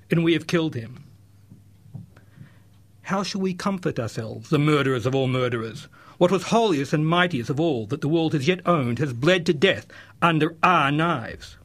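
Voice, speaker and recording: A man's voice: a little high, fairly bright tone. A man reading aloud as a madman who preaches fervently in a marketplace. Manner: read aloud with rising fervor.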